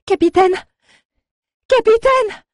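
A woman's voice: on the high side, moderate pace, warm tone, breathy edge, no echo, clean studio sound, pitched above the performer's own voice. A woman voicing a young girl who is a scrappy street thief, urgent and pleading.

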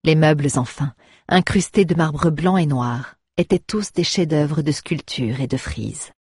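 Husky low-voiced woman reading a story. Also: unhurried, a little mellow, dry recording, clean studio sound. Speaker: audiobook reader. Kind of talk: scripted narration.

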